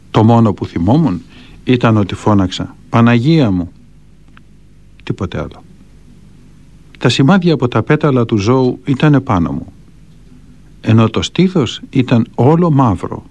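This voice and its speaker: A man with a fairly low voice reads spiritual anecdotes and counsel aloud. His intonation rises and falls a lot as he tells the stories, moving from calm counsel to vivid retelling. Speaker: reader of a monk's teachings.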